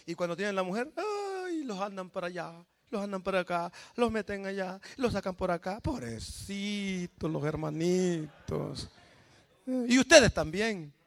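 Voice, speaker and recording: A man preaching a lively sermon with a gravelly voice, swinging between loud exclamations and hushed storytelling. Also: high-pitched. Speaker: pastor.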